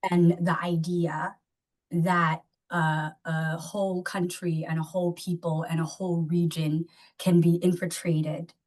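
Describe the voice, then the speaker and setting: A woman's voice: fairly low pitch, little pitch movement, measured pace, a little mellow. A woman from Somalia hosting an interview, asking questions in a rambling, searching way, full of "like" and "you know". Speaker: podcast host. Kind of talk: conversational interview.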